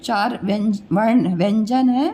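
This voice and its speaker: A woman's voice: mid-range voice, measured pace, warm tone, slight background noise. A woman teacher giving a pronunciation lesson, patiently repeating each sound and quizzing her students.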